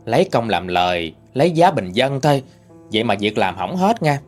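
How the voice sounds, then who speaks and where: Lively Southern Vietnamese male storyteller. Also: medium pitch, moderate pace, faint music behind. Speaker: ghost story reader. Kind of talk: first-person story narration.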